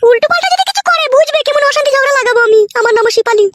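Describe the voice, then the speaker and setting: A woman putting on a shrill voice to play a quarrelsome young village wife who grumbles and complains in a comic skit. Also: lively intonation, very fast, a bit bright, dry recording, clean studio sound, faint music behind. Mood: grumbling.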